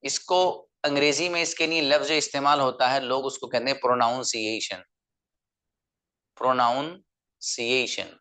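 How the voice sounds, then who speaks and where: Bright-voiced male teacher drilling pronunciation. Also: mid-range voice, clean tone. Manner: patient, repeats words slowly for drilling, addresses listeners as brother. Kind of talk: online class lecture.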